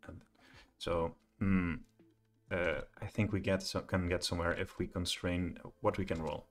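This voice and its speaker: A man's voice: low-pitched, little pitch movement, a little slow. A middle-aged man giving a live coding walkthrough from a home office, thinking aloud and hesitating with many fillers. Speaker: programming tutor.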